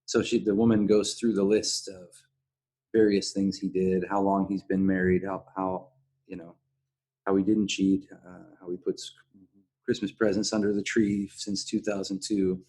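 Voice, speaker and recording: A man hosting a casual podcast discussion, speaking in a halting way and often backtracking on his words. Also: low-pitched, little pitch movement, dark tone, husky. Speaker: podcast host.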